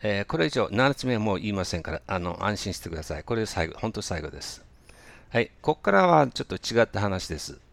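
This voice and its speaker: A man teaching English pronunciation in a relaxed spoken lesson, pausing often with fillers and slowly demonstrating phrases for listeners to repeat. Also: fairly low pitch, gravelly, no echo. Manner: hesitant, many fillers, slow drilled demonstrations.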